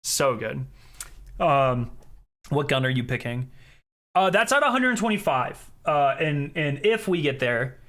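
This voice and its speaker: Rambling male streamer, fairly high voice. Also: very animated, measured pace, a bit bright. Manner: informal, rambling, sweary. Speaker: streamer hosting a charity fundraiser. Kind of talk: casual live-stream chat.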